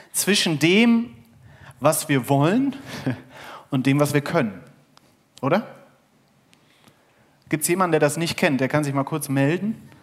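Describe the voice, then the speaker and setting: A man preaching a sermon in a conversational way, telling a parable and asking the audience questions. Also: fairly high pitch. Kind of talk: sermon with storytelling.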